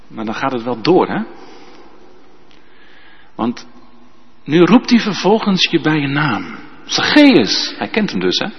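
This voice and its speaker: Male pastor, slightly husky, unhurried delivery, church reverb on a dull recording. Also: medium pitch, sing-song. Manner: slow, emphatic preaching with tag questions. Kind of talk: sermon.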